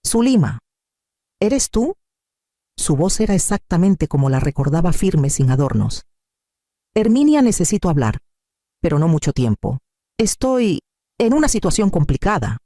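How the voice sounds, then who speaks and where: A man narrating a first-person family drama in a steady, scripted storytelling manner. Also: fairly high pitch, no echo, studio quality.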